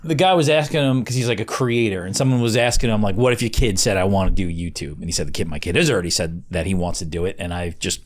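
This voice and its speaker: A man with a New York accent, co-hosting a podcast, relaxed, retelling things he heard with lots of fillers. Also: low-pitched, quick pace, hardly any pauses. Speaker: podcast co-host. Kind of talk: casual chat.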